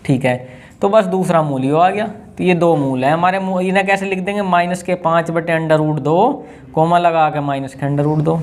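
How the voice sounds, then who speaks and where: High-voiced man teaching math. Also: fairly even intonation, moderate pace. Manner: keeps quizzing students. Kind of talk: classroom lesson.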